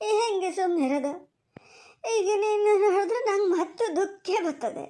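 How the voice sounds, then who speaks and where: A woman's voice: very high-pitched, normal speed, dark tone. A woman voicing a wailing old Malnad mother-in-law. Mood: fussing scold. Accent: Malnad Kannada. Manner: wailing, complaining, muttering asides. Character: self-pitying older mother-in-law, whiny and scheming. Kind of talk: cartoon voice acting.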